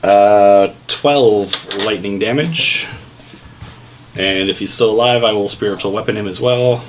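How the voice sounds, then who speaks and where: A man's voice: fairly low pitch, unhurried. A man chatting casually as a player in a tabletop game. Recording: noisy room with clicks and clatter.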